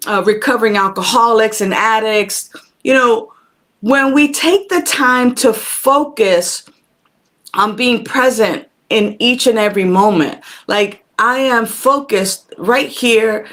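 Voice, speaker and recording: A woman's voice: fairly high pitch, slow pace, a bit bright. A woman minister hosting a live-streamed spiritual talk, greeting viewers by name and speaking in a conversational preaching manner that repeats phrases for emphasis. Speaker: minister and show host. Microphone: camera.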